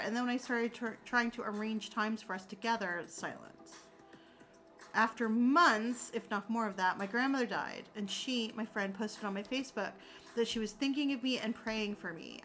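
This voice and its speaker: A middle-aged woman chatting casually as she works on a craft, candid and quick to swear, laughing often and correcting herself mid-sentence. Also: on the high side, fairly bright tone. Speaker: crafter chatting while working. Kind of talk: casual chat.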